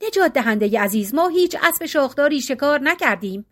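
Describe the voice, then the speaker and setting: Woman voicing an earnest male leader, audiobook, pleading, high voice. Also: lively intonation, a bit bright.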